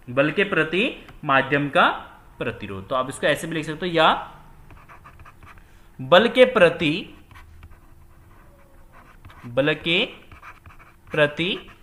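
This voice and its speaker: In a classroom physics lecture, a man with a high, sharp voice repeats key words and poses questions he answers himself. He acts out little scenes with quoted dialogue, and the recording sounds roomy.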